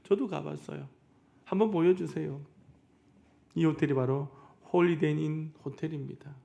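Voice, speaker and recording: A man's voice: on the high side, moderate pace, vocal fry, warm tone. A male pastor preaching a Sunday sermon, telling a story to his congregation and acting out the quoted dialogue. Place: church sanctuary.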